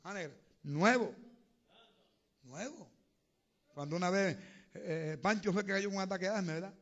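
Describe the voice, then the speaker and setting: A man preaching a sermon, telling testimonies and building to loud, fervent preaching. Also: high-pitched, normal speed, highs cut off.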